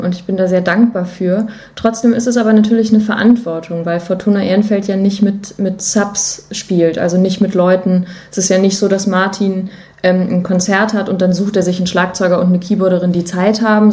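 This woman from Germany has a dark, mid-range voice. She is a musician and singer being interviewed as a podcast guest, talking in an informal, relaxed, enthusiastic way.

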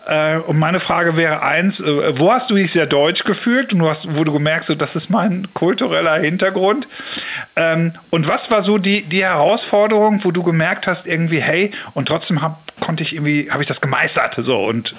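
Male host, fairly high-pitched, conversational, halting and roundabout in his questioning. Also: a bit bright. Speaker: interviewer, host. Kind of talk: casual chat.

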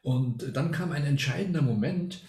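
An older Argentine man, a retired music professor, tells a long story as a guest in a casual interview, frequently hesitating with fillers. His voice is on the high side and darkish in tone, at a moderate pace, with a roomy sound.

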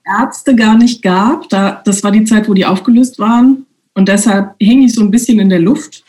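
Female guest, mellow tone, relaxed, hesitant conversational delivery. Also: mid-range voice, moderate pace. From Germany. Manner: relaxed, hesitant with many fillers. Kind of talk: casual conversation.

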